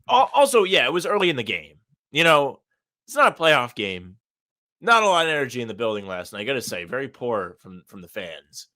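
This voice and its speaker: A man co-hosting a casual live-stream podcast, hesitant and low on energy, often unsure of himself. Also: very animated, normal speed, sharp tone. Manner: hesitant, keeps saying he doesn't know. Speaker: podcast co-host.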